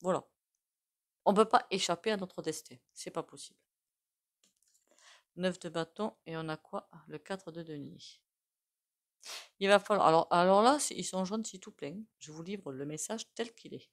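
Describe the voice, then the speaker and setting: A tarot reader with a noticeable, non-standard French accent lays out cards and discusses them casually. Her slightly low voice moves at a normal speed, chatty and full of fillers and asides.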